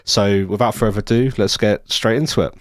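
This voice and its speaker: A man's voice: fairly low pitch, fairly quick, no room sound. A man narrating a screen-recorded coding tutorial step by step, ill and with a nasal, stuffy voice, speaking into a studio microphone. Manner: steady step-by-step explaining with occasional ums. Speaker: tutorial presenter. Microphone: studio USB microphone.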